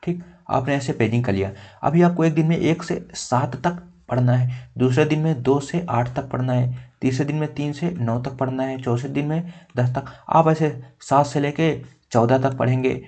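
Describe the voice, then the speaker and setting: A young man coaching for exams, with a voice of average pitch. He talks casually and keeps checking with "okay". He counts pages out loud as he shows his notes. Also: normal speed, hardly any pauses. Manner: conversational, repeats "theek" often, counts pages aloud. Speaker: exam coach. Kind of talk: casual tutorial, showing notes.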